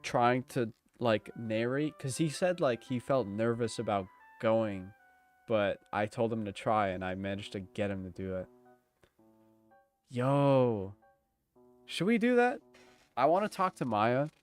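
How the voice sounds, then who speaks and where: A man's voice: medium pitch, lively intonation, unhurried, soft background music. A young man streaming, joking and pushing an AI chatbot, growing exasperated. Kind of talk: casual livestream chat.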